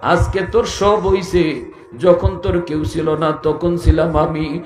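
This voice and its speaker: A man preaching a waz sermon, in an impassioned style that soars into high sung cries and calls out to the crowd. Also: steady tone, takes it slowly, roomy sound. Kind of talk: Bengali waz sermon, chanted and sung at peaks.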